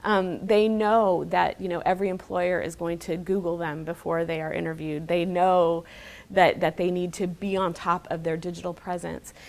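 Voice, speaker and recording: A woman's voice: on the low side, level tone, normal speed, gravelly. A woman giving an informal, explanatory public talk in an emphatic, conversational way, addressing her listeners directly. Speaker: speaker giving a talk on digital life and psychology.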